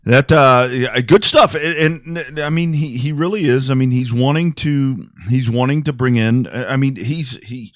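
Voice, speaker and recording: A man's voice: mid-range voice, moderate pace, few pauses, no room sound, clean studio sound. A man hosting a casual sports talk show, loose and rambling, laughing as he talks. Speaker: podcast host.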